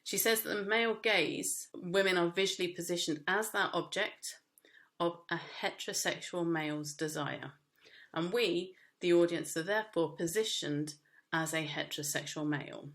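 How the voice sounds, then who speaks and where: A woman's voice: on the low side, moderate pace, a bit bright. A woman teaching a media studies lesson, explaining casually with frequent fillers and restarts. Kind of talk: recorded lesson.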